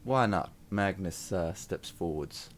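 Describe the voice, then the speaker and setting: A man's voice: low-pitched, slow. A man chatting casually and hesitantly as a player in a tabletop role-playing game, with faint background noise.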